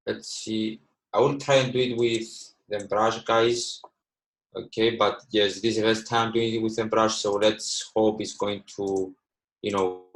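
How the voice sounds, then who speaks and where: A rough video-call recording captures a Cypriot trading educator in his twenties, a native Greek speaker, teaching live online. He has a lowish voice with a fairly bright tone. His English is slightly broken, and "okay" comes up constantly as filler.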